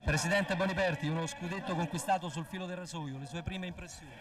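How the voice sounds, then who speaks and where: A man's voice: on the high side, steady tone, fast. A middle-aged man asking formal post-match questions on an old TV recording. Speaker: sports interviewer. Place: crowded changing-room area. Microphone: handheld microphone held toward guests. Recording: distant old TV recording with crowd.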